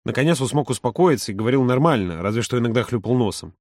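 A man's voice: medium pitch, lively intonation, fast talker, darkish tone, no room sound. Male audiobook narrator, dry close sound.

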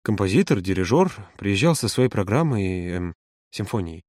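A man's voice: on the low side, sing-song, normal speed, darkish tone, dry recording, clean studio sound, pitched below the performer's own voice. A man reading an audiobook, voicing a reserved man who answers briefly and with restraint. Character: reserved, terse grown man.

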